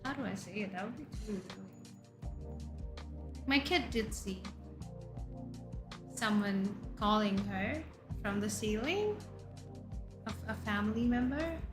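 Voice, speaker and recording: An Indian woman in her thirties, a VTuber streamer with an Indian accent, reads viewer messages and chats casually, throwing out questions and loud exclamations. Her mid-range voice is expressive and slow, with frequent pauses, over faint background music.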